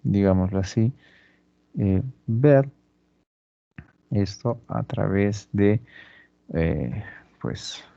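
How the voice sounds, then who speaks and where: Slow gravelly male anatomy lecturer. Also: fairly low pitch, lively intonation, warm tone, no echo, lo-fi sound. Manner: slow and deliberate, checks in with students constantly. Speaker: anatomy instructor. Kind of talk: lecturing during a dissection demonstration.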